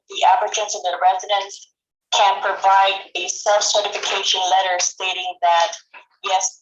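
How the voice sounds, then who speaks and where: A woman heard over a phone speaker, presenting at a board meeting in a halting way with many filler pauses. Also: medium pitch, a little hiss or hum. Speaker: housing policy presenter. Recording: muffled speakerphone in a roomy boardroom.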